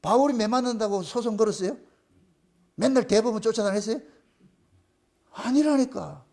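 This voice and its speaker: A man's voice: high voice, gravelly, mellow. A middle-aged man preaching a sermon as pastor, emphatic and insistent, repeating his points. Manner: briefly sings a slow hymn line.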